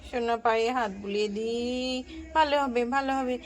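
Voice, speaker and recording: A woman voicing a gentle aunt who coaxes and soothes a small child in doll play. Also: high-pitched, moderate pace, slight background noise. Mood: soothing. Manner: soothing, coaxing, soft-spoken.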